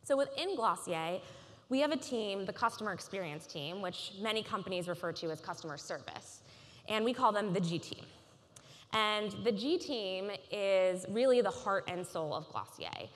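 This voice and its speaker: A woman in her thirties delivers a polished, measured keynote from a large conference stage. Her voice is mid-pitched and carries a long reverb from the hall around her. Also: expressive. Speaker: keynote speaker.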